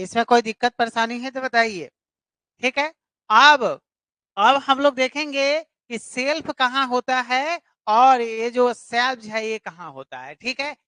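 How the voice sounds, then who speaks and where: A woman's voice: a little high, a bit bright, dry recording. A woman teaching a live online English grammar class, repeating points and putting questions to her students. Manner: repetitive, explanatory, questions students directly.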